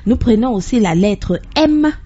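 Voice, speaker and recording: Slow woman host of a language lesson. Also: fairly high pitch, animated, warm tone, slightly rough, dull audio. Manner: slow, repeating words to learn pronunciation. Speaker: radio host.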